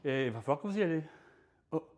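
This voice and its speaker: A man voicing an excitable male radiologist with a strong Italian accent, exclamatory and sing-song. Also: a little high, quick pace, pitched above the performer's own voice, close to an everyday voice. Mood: ébahi.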